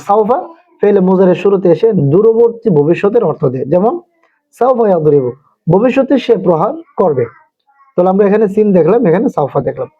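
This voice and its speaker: A man with a Bangladeshi Bengali accent teaching Arabic grammar in a lecture style, going through each term methodically with examples and recaps. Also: high-pitched. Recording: phone-like narrow sound.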